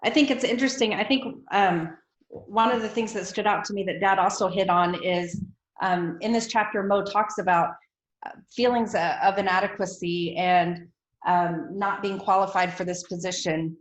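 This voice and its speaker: A woman's voice: medium pitch, steady tone, moderate pace. A woman hosting a book club on a video call, chatty and upbeat with frequent ums. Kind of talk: casual chat on a video call. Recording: roomy video call audio.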